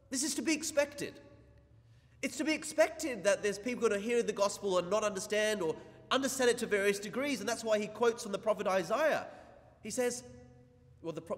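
A priest delivers a conversational sermon in a church, tossing many asides to the congregation. His voice is high-pitched, and the setting is a large hall.

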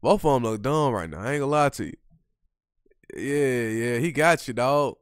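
A man's voice: mid-range voice, animated, normal speed, smooth, no echo, clean studio sound. A man hosting a reaction show, commenting casually in slang and addressing his viewers. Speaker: host.

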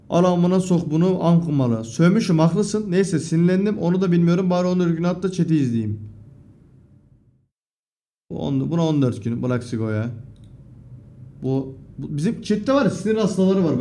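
A young man streaming live, casually reading out his viewers' messages, cursing freely and breaking into loud outbursts. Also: fairly high pitch. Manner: profane, swearing often, loud outbursts.

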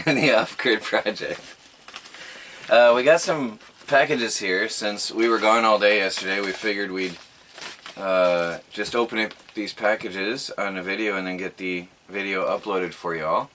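A man's voice: lowish voice, unhurried, fairly bright tone, slight background noise. A middle-aged man in casual chat as a vlogger, laughing often, filmed by a camera across a small wooden cabin living room.

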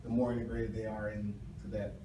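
A middle-aged man defends his research in a hedging, halting way, restarting phrases as he explains. He is recorded from across an echoey classroom, with clear background noise. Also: lowish voice, flat delivery. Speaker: doctoral candidate defending his dissertation. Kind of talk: academic oral defense, answering questions. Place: small university classroom, indoors. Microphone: distant camera or phone across the room. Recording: echoey room, distant mic, noisy.

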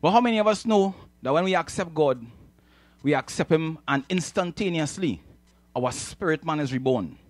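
Animated and a little high, this man's voice carries a Trinidadian accent as he preaches at normal speed into a handheld microphone. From the church hall stage he repeats key phrases and prompts listeners to agree in call-and-response fashion, with no room sound.

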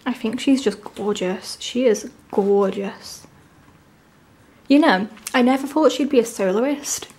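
A woman with a sore, swollen-tonsil voice from tonsillitis, chatting casually and gushing excitedly as she hosts an unboxing. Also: fairly high pitch, slow pace. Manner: gushing, enthusiastic. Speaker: unboxing video host.

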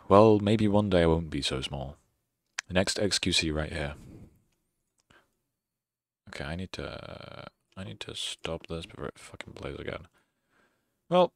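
This is casual end-of-stream talk from a young male streamer with a low-sitting voice. He rambles, sarcastically mocking himself, close to the mic, and there's no echo.

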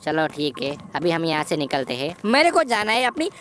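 A woman giving excitable, giggly commentary over a horror game, boasting and joking. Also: low-pitched, moderate pace, a little hiss or hum. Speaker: gameplay YouTuber. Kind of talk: let's-play commentary.

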